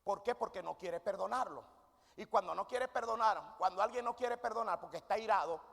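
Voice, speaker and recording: A high-voiced male preacher delivers a sermon in a church hall, quizzing the congregation and answering his own questions. His voice carries a gravelly edge. A long reverb trails every phrase. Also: brisk, fairly bright tone. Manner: asks questions and answers them himself, demonstrating with volunteers. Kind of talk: sermon with audience call-and-response.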